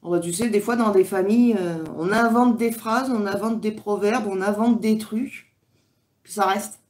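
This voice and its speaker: On her livestream, a woman from France reads viewer comments in a casual chat, rambling and filling gaps with many fillers. She has a mid-range, slightly mellow voice at a moderate pace.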